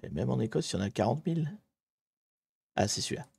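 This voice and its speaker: A man streaming live, chatting with his viewers as he hunts through online maps and grumbles at the software. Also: mid-range voice, animated, fast talker, vocal fry, husky, no echo, clean studio sound. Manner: chatty, talks to chat while searching maps, mildly exasperated. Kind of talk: live-streamed geography puzzle commentary.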